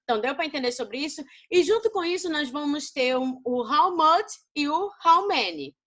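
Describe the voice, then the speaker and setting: A Brazilian woman teaching an English lesson to students, explaining slowly and often checking whether they understand. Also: sits high, animated, a bit bright. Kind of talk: recorded class lesson.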